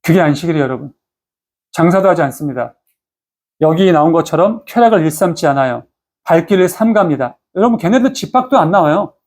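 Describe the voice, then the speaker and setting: A man's voice: on the high side, expressive, fast, darkish tone. A male pastor giving a Sunday sermon in a conversational, storytelling way, often turning to address the congregation. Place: church.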